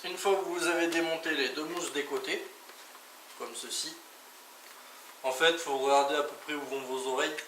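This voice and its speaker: This man's voice is a little high and a bit bright, with a steady tone, a moderate pace and long pauses. As a motorcycle vlogger showing off gear, he walks through a casual hands-on tutorial step by step, dropping in little interjections. The audio has echo, a distant mic and an obviously noisy background.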